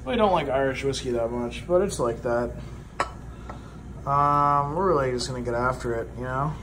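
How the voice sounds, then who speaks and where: In his home kitchen, a drunk-sounding young adult cooks and talks loosely, cursing casually, at a medium pitch and normal speed. The handheld phone recording is noisy, with pans and cutlery clattering behind him.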